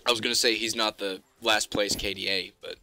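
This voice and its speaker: A young man doing joking live esports play-by-play that bursts into shouted hype calls. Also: on the low side, fairly even intonation, fairly quick, heavy background noise. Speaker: esports caster.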